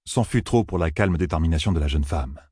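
A man narrating a fantasy audiobook in a measured, even storytelling manner. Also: rumbling low, breathy edge, no room sound, clean studio sound.

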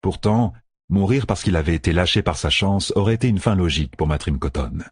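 Very husky deep-voiced male narrator. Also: lively intonation, fast, no room sound. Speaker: audiobook narrator. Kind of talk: scripted narration. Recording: dry close recording.

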